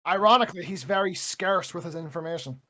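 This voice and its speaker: A young man co-hosting a casual podcast chat. He swears freely, laughs often and breaks into quick rants. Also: high voice, sharp tone. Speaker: podcast co-host.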